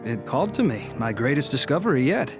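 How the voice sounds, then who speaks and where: A man acting a genial, self-satisfied, obsessive gentleman scientist in a radio drama, chatty, wry and theatrical. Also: mid-range voice, big pitch swings, fast. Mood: grandiose, wry. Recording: music under the voice.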